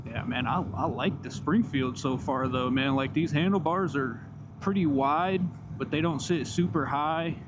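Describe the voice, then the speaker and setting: A man's voice: a little high, a little slow. A man giving casual, slangy, enthusiastic but laid-back commentary while riding a motorcycle outdoors. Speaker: motorcycle vlogger. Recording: loud engine and riding noise.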